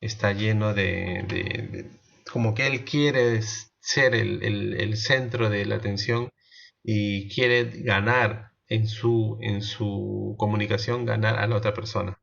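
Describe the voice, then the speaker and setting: A man teaching a class, explaining slowly, asking the students questions and restarting his sentences often. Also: fairly low pitch, fairly even intonation, creaky, fairly bright tone, lo-fi sound. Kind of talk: online class lecture.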